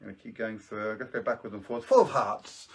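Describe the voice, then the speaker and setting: A man's voice: lowish voice, fast, far from the mic. A British man doing jokey kids' party magician patter, presenting tricks on a live show with casual asides to viewers. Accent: British English.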